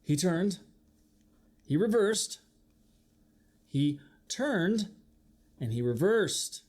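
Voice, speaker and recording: A man with a high-pitched voice reads very slowly from a children's picture book, the way a teacher would. The read-aloud is expressive and lively, with acted-out sound effects and questions for his young listeners.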